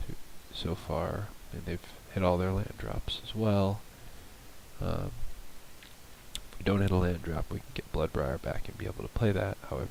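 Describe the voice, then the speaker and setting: A man's voice: sits low, gravelly, a little mellow, a little hiss or hum, rough recording. A man with a nasal voice from a cold, casually commentating his card game and thinking aloud with many hesitations.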